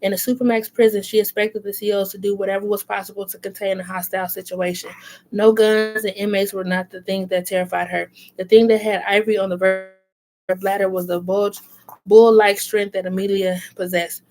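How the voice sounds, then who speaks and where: A woman's voice: medium pitch, little pitch movement, brisk, a little mellow, rough recording. A woman reading a novel aloud, with occasional self-corrections and brief asides. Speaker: reader.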